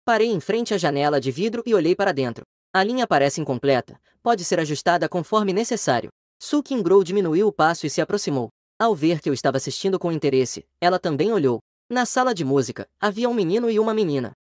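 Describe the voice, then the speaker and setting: Male narrator for a romance comic recap, animated delivery, dry close recording. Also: high voice, fast talker, hardly any pauses, no echo. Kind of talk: scripted story narration.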